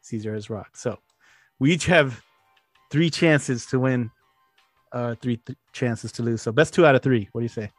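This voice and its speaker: A man hosting a casual chat, playful and quick to laugh, with faint music behind him. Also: medium pitch, no echo. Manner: playful, laughs often, hypes up the game. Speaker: podcast host.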